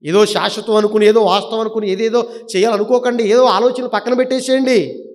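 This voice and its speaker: A man preaching an impassioned sermon, firing rhetorical questions and swinging between loud appeals and low asides. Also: steady tone, brisk. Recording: long reverb of a hall.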